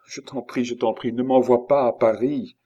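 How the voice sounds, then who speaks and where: A man's voice: low voice, measured pace, darkish tone, dull audio. A man reading as a tearful young wife. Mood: pleading.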